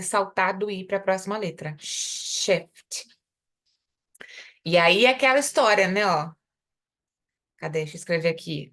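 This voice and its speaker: Brazilian woman, young adult, English teacher on a live class, medium pitch, slows down to drill example phrases. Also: fairly bright tone. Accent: Brazilian Portuguese. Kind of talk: live online English lesson.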